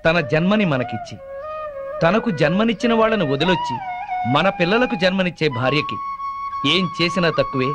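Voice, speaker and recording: A man's voice: high-pitched, wildly swooping pitch, fairly quick, pauses often. A man playing a devoted husband who declaims his pride in a grand, speech-like way, in a film scene with music behind. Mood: proud. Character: proud, doting young husband. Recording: film audio with music underneath.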